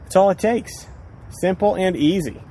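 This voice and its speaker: A man's voice: sits high, moderate pace, mellow, a little hiss or hum. A man co-hosting a casual podcast outdoors, with profane, informal, upbeat banter and sponsor plugs. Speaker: podcast co-host. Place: outdoors on a ranch. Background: music.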